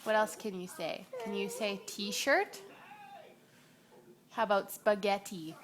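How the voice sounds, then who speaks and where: Slow, coaxing mother prompting words. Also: mid-range voice, animated, crowd noise. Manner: patient, coaxing, repeats words slowly and clearly. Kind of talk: home video, coaching a toddler.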